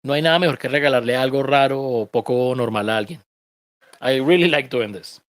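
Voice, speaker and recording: A man's voice: medium pitch, moderate pace, dry recording. A Colombian man leads an online English reading class, explaining pronunciation step by step. He drops joking asides along the way. His voice sits mid-range and sounds dry and close. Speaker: English teacher.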